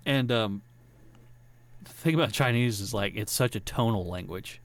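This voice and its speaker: A man's voice: fairly low pitch, moderate pace. A man chatting casually on a podcast, rambling through stories with frequent restarts and laughter. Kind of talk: casual chat.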